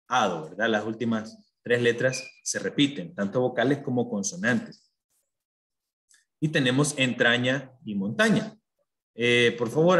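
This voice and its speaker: A man's voice: mid-range voice, fairly bright tone. Patient male teacher. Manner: explains patiently, checks understanding with questions. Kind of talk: online class lesson.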